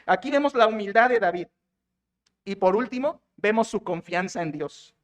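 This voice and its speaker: A man's voice: high-pitched, animated, normal speed. A Mexican man preaching from the pulpit in a sermon style. He drives his points home with repeated phrases and keeps asking his listeners direct questions. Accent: Mexican Spanish. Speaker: pastor.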